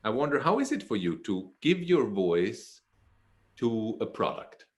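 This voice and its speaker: A man's voice: mid-range voice, sing-song, unhurried. A man hosting a podcast, talking in a hesitant way and searching for his words in casual conversation. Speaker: podcast host.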